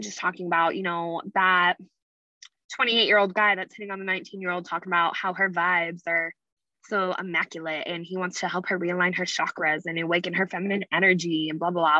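A woman's voice: lowish voice, bright, forceful tone, no echo, dull audio. A woman hosting a casual solo podcast, talking candidly with lots of fillers, her S sounds a little slurred from the retainers she is wearing. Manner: candid, rambling, frequent fillers and asides. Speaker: podcast host.

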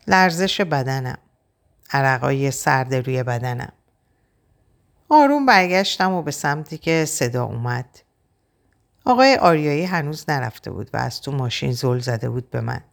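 A woman reading a first-person story aloud in a quiet, introspective way. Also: a bass voice. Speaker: audiobook reader.

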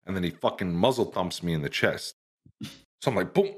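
A young American man telling a profane, animated story to friends on a podcast. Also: low-pitched, a little fast, breathy edge. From United States. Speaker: podcast host. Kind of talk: casual storytelling among friends.

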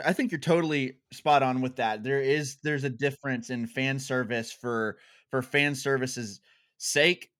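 A man's voice: medium pitch, a bit bright, no echo. Eager chatty male co-host, dry sound. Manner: eager, chatty, laughs often. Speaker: podcast co-host. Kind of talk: casual discussion.

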